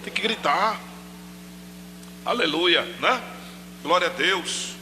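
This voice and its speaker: A man's voice: sits high, slow pace, big-room sound, noisy background. A man preaching a sermon in church on a microphone, talking straight to the congregation and acting out cries. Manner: animated preaching, addresses congregation directly, acts out shouted cries. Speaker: pastor. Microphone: handheld microphone.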